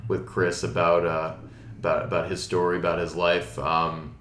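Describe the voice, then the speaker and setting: A man with a somewhat low voice hosts a relaxed podcast chat. He stumbles and restarts often as he sets up topics. The room adds a noticeable echo. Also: normal speed. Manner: hesitant, many restarts and fillers. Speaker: podcast co-host. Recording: roomy echo.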